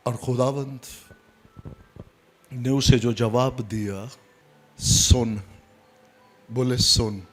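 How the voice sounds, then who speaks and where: A man preaching a sermon, swinging from soft, low phrases to loud, high exclamations. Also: steady tone, takes it slowly, long pauses, faint music behind. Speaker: pastor.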